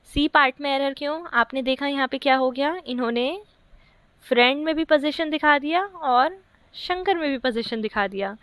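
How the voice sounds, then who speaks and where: High-voiced woman teaching grammar. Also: a bit bright, no room sound. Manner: asks rhetorical questions, reads sentences slowly. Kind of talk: exam-prep lesson.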